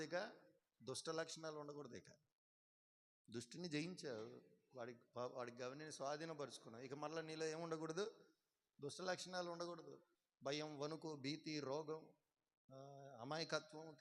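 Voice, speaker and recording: A male pastor preaches with fervor, his voice sitting fairly high for a man. He keeps urging the congregation to answer him loudly. His words ring out in a hall with a long, trailing reverb. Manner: fervent preaching, calls on the congregation to shout back. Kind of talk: sermon.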